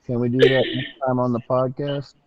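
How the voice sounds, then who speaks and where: A man co-hosting a podcast, chatting casually in a laid-back, halting way with many fillers. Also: mid-range voice, little pitch movement, muffled recording, a loud crowd. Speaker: podcast co-host. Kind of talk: casual chat.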